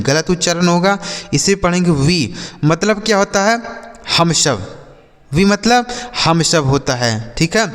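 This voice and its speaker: A man teaching English words to Hindi speakers in a casual lesson. He says example sentences very slowly and keeps repeating "ठीक है" and "दोस्तों". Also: fairly high pitch, big-room sound.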